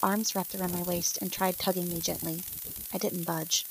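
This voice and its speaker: A woman's voice: on the low side, flat delivery, normal speed, creaky, a little hiss or hum, poor audio. A woman reading a first-person story aloud and speaking the characters' lines in nearly her own voice. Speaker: narrator.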